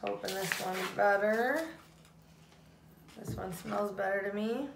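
A woman's voice: medium pitch, slow, gravelly. A woman co-hosting a casual taste-test vlog, giving short, blunt verdicts. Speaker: vlog co-host. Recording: echoey room with faint noise.

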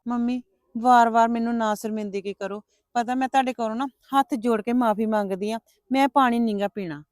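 Brief: a woman as a stubborn wounded wife, refusing, higher voice, close and dry. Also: brisk, darkish tone, no echo, lightly acted. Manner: sulky, refusing. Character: hurt, stubborn young wife refusing water. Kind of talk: family drama acting.

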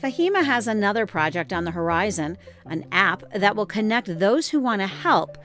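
A woman reporter giving scripted news narration in a measured, clear way. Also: mid-range voice, big pitch swings, a bit bright, faint music behind.

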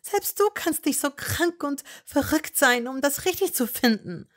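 A woman's voice: sits high, lively intonation, measured pace, voice pushed up. A woman reading a fan story and voicing a desperate young witch who presses and pleads insistently. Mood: pleading. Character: desperate, stubborn young witch held captive.

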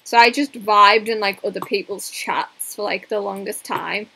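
A woman's voice: mid-range voice, normal speed, vocal fry, bright, forceful tone, slight background noise, low-quality recording. A young woman streaming a game, chatting casually and rambling in a self-mocking way to her viewers. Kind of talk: casual live-stream chat while gaming.

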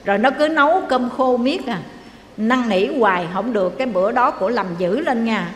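A woman's voice: on the high side, normal speed, a little hiss or hum. A woman Buddhist nun with a Southern Vietnamese accent, telling stories in a sermon and speaking directly to the audience. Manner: animated, addresses audience directly. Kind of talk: sermon storytelling. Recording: echoey hall, faint ambience.

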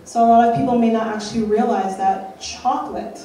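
A young woman gives a keynote public lecture on a dark festival stage indoors, pressing her earnest, questioning points with growing emphasis. Her voice sits a little high, warm and steady, moving slightly fast. Picked up through a handheld mic on a stand and a distant camera, the roomy hall includes an audience and some hiss or hum.

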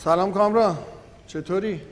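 An actor playing a bossy company owner in a TV series, who argues and shouts angrily. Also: male voice, sits high, big-room sound, over music, close to an everyday voice. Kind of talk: TV series acting.

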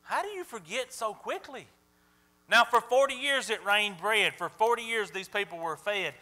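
A man's voice: high voice, animated, normal speed, sharp tone. A man preaching a sermon to a congregation, emphatic and often stopping to ask the listeners whether they are following. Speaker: pastor.

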